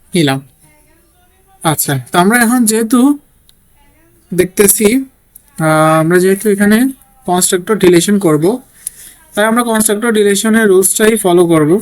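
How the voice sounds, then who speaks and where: Casual man teaching code step by step. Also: high voice. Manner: thinks aloud while typing, frequent "okay?" check-ins. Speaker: programming teacher. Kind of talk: screen-recorded coding tutorial.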